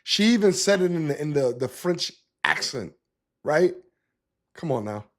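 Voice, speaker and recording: A man's voice: fairly high pitch, big pitch swings, unhurried. A man hosting a political commentary show, talking in an emphatic, conversational way and reacting to the clips he plays. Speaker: podcast host.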